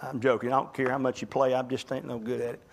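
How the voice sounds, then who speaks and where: A man preaching a sermon as pastor, emphatic, swinging between loud urgent pleading and low quiet asides. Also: little pitch movement, fast, gravelly, a little hiss or hum.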